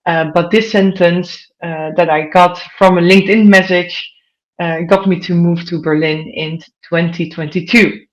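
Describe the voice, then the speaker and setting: The recording is muffled, carrying a fairly low-pitched woman's voice that stays steady and measured. She's a Dutch-accented conference speaker in her thirties from the Netherlands, delivering an online presentation and asking her audience questions directly.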